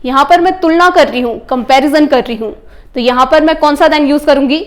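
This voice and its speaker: A woman with a high, clear voice explains English grammar to her viewers, whom she calls friends. She dictates example sentences slowly and spells words out letter by letter. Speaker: English teacher.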